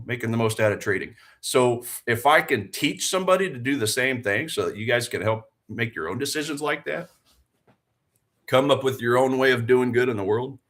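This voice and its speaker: With a mid-range, fairly bright voice, a man in his forties hosts a trading livestream that blends pep talk and market commentary. He speaks earnestly and with fire, repeating phrases to stress them and asking viewers rhetorical questions.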